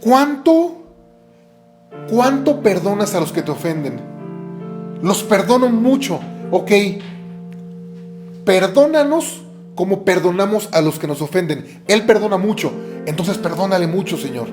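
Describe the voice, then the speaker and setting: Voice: medium pitch, sing-song, unhurried, pauses often, over music. A preacher with a Mexican Spanish accent giving a podcast sermon, retelling earnestly and repeating phrases. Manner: earnest retelling with repetitions and self-corrections.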